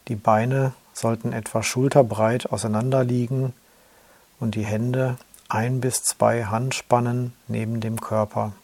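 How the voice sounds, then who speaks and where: A man slowly guiding a yoga nidra relaxation in a calm, soothing way. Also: medium pitch, no room sound. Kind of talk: guided relaxation instructions.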